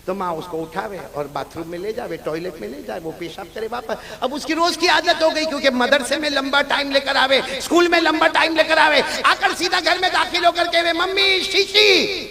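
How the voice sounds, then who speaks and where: A man's voice: very high voice, creaky, few pauses, long reverb tail. A man preacher, telling a story and rousing a large gathering into call-and-response. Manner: animated, rousing the crowd to chant back. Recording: live crowd sounds.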